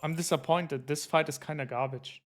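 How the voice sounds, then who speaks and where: A man's voice: a little high, fairly even intonation, moderate pace, a little hiss or hum. A man giving casual gameplay commentary in an exasperated, sweary, grumbling manner. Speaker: video game player. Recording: voice mixed with loud game music.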